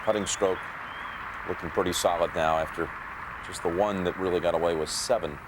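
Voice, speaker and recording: Low-voiced male golf commentator, understated. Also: fairly even intonation, fairly quick. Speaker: golf commentator, broadcast anchor. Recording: outdoor broadcast, faint background noise.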